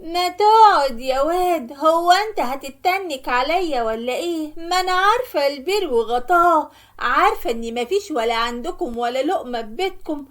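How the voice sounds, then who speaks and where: A woman voicing a sharp-tongued, stingy sister with an Egyptian Arabic accent, speaking in a scolding, snappish way. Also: high voice, animated, normal speed. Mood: scornful.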